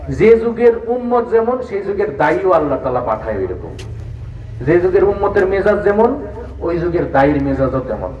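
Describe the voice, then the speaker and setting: A man preaching a sermon in a lively, rising and falling cadence. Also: high voice. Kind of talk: Islamic sermon. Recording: roomy, distant, dull sound.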